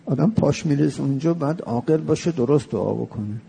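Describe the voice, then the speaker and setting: A man preaching a sermon. He slowly intones lines of a prayer and explains each one in plain, conversational speech. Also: fairly high pitch, animated, gravelly, warm tone, husky. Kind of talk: sermon reading a pilgrimage prayer with commentary.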